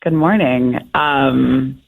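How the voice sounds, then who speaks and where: A woman's voice: extremely low pitch, drawn-out words, vocal fry. A woman heard over speakerphone, the sound squeezed thin and tinny like a phone line. She talks casually and frankly, a little sheepish, easing into a story. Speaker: radio show caller.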